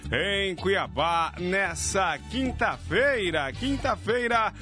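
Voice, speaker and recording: Male radio host, ringmaster-style announcing, very lively intonation, drawn-out words, music underneath. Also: high voice. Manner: effusive, greets listeners by name. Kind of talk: live morning radio show opening. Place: radio studio. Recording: music bed behind the voice.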